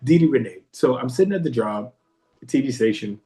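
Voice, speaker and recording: Animated man telling a story. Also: brisk, soft background music. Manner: animated, repeats phrases, jumps high when quoting himself. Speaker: podcast host. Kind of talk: casual storytelling monologue.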